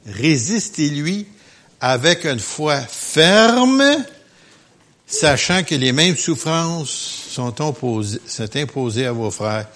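A man preaching a sermon as pastor, animated and emphatic, with joking asides. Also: medium pitch.

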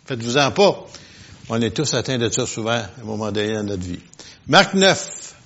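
A man preaching a sermon. He talks with the congregation in a conversational way, asks them questions, and swings from quiet asides to loud, emphatic bursts. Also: mid-range voice, big pitch swings, moderate pace. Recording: lo-fi, dull sound.

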